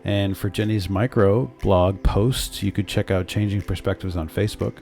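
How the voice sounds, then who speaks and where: A man's voice: low-pitched, steady tone, moderate pace, gravelly, a little mellow, faint music behind. A man co-hosting a casual home podcast with his partner, earnestly arguing his point and reading the show plugs upbeat. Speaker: podcast co-host. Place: home room with sleeping dogs.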